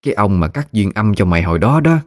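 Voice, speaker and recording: Guy doing easygoing delta mom on the phone, low plain voice. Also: very animated, fast. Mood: offhand. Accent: Mekong Delta Vietnamese. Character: middle-aged village mother, plain and easygoing.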